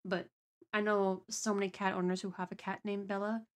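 A woman's voice: medium pitch, flat delivery, brisk. A woman co-hosting a live stream, chatting casually and reading viewer messages aloud. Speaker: streamer co-host.

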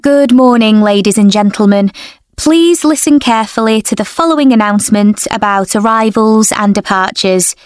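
A woman's voice: mid-range voice, no echo, studio quality, natural voice. Actress as formal woman making station announcement. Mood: formal, polite. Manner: formal, measured public-address delivery.

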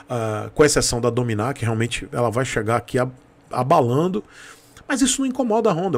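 This mid-range, slightly mellow male voice belongs to a thirtysomething YouTube host and motorcycle commentator from Salvador, Bahia, Brazil, who speaks with a Bahian accent. He gives informal, emphatic opinion commentary to camera, repeating points for stress, close to a desk microphone in a small home room with shelves.

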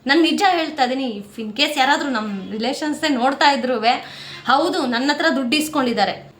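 High-voiced, indignant woman near tears. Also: brisk, fairly bright tone, echoey room. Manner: aggrieved, indignant venting to viewers. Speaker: family vlogger. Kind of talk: emotional talk to camera. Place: at home.

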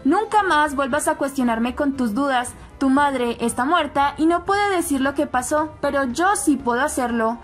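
A woman's voice: high-pitched, expressive, normal speed, hardly any pauses, soft background music. A woman reading out the lines of a scheming older grandmother in a recap, in a contemptuous, commanding tone. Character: scheming older grandmother, cold family matriarch. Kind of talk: recap narration voicing quotes.

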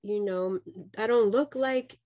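A Mexican woman in her thirties joins a video call as a nurse-midwife guest, speaking slowly in a mellow, mid-range voice. She sounds earnest and reflective, with lots of fillers and restarts. The laptop audio is dull, and she sits in a home room with a dark sofa.

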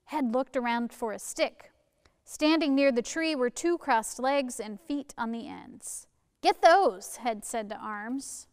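A woman leading a children's sermon in a church, reading a picture book aloud slowly and expressively. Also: a little high, clean tone, in a large hall. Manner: slow, expressive storytelling. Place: church sanctuary.

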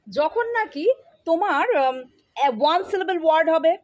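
A woman's voice: very high voice, moderate pace, a little mellow, highs cut off. A woman teaching an English spelling lesson in Bengali, explaining patiently step by step and often checking that her students follow.

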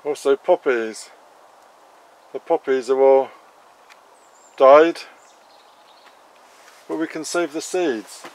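A man in his fifties who hosts an allotment gardening channel gives a casual walk-around of his allotment and polytunnel, crouching by the beds and chatting plainly. He speaks slowly in a mid-range voice, pausing often. The recording is rough, with faint outdoor ambience and insects.

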